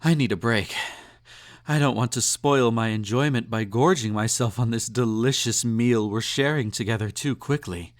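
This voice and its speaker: A lightly acted, medium-pitched male voice moves at a moderate pace as a snobby, possessive emperor in an intimate romantic audio roleplay. Indulgent yet menacing, he sounds haughty, purring and condescending, with a smug, tender, teasing mood.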